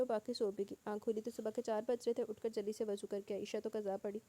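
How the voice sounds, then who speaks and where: A woman narrating a novel as an audiobook reader, in a steady storytelling manner. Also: a little high, slight background noise.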